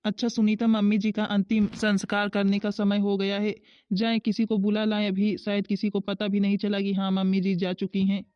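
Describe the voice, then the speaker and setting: A woman's voice: medium pitch, monotone, moderate pace, clean tone, no echo, lightly acted. A woman voicing a hardworking young husband in a cartoon, talking plainly and practically. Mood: worried. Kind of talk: Hindi cartoon voice acting. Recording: dull, muffled recording.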